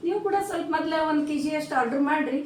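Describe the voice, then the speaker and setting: High-voiced North Karnataka woman vlogging. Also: rapid-fire. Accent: North Karnataka Kannada. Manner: chatty, asks prices, addresses viewers directly. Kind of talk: casual vlog chat and shop visit. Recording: echoey room, mic at a distance, faint noise.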